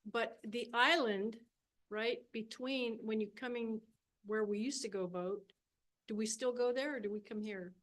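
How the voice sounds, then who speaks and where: A woman with a fairly high voice questions city officials at a public meeting. She talks in a chatty, informal way and keeps pressing her point. She comes across as insistent. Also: fairly even intonation, measured pace, a bit bright. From Texas. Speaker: public commenter. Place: council chamber.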